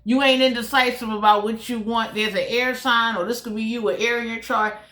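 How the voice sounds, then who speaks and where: A woman's voice: fairly high pitch, steady tone, brisk, pushed and bright. A woman hosting a casual, blunt tarot reading in colloquial speech, talking with whitening trays in her mouth. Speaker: tarot reader and channel host. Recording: echoey, roomy sound.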